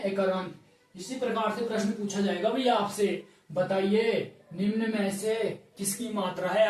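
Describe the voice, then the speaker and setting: A man teaching a grammar lesson in a high voice, explaining patiently and throwing questions back at the class. He sounds a little far from the mic. The room is roomy and echoey. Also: darkish tone. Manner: explains step by step, keeps asking the class questions.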